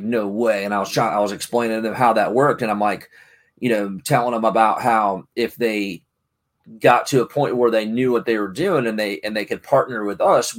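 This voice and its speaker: Excited rambling man vlogging. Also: mid-range voice. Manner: rambling, many restarts, excited retelling. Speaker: vlogger and parent. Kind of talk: casual talking-to-camera vlog.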